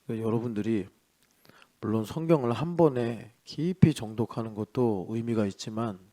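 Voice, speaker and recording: A male pastor preaching an early-morning sermon in a chatty way, asking rhetorical questions and swinging between loud and soft. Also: medium pitch, normal speed. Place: church.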